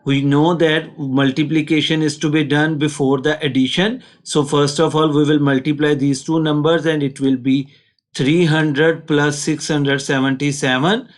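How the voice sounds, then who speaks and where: Higher-pitched Pakistani-accented male teacher. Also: little pitch movement, normal speed. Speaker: maths teacher. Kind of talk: step-by-step lesson explanation.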